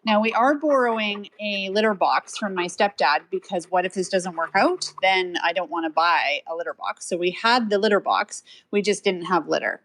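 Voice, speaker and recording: A middle-aged woman co-hosting a podcast from home, telling a story in a chatty, animated way. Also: mid-range voice, normal speed, hardly any pauses. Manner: chatty, animated storytelling with playful voices for pets. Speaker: podcast co-host. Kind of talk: casual storytelling chat. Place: at home with dogs nearby. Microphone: home mic on a live audio stream.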